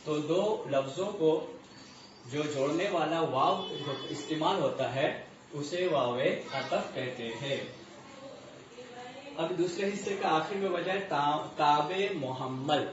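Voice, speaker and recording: A man with a fairly high voice teaching a grammar lesson. He goes over each term slowly and answers his own questions. The recording is muffled, echoey and distant, with faint room noise behind him.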